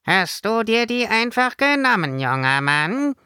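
A man's voice: high-pitched, very animated, unhurried, bright, forceful tone, smooth, no echo, studio quality, pitched above the performer's own voice, full character voice. A man voicing a small fairy girl guarding her tree, sweet and then scolding. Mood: stern. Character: cheerful little fairy girl, turning stern.

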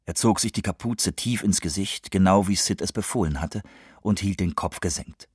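Deep husky male audiobook narrator. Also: no room sound, clean studio sound. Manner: calm, measured storytelling. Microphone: close studio mic.

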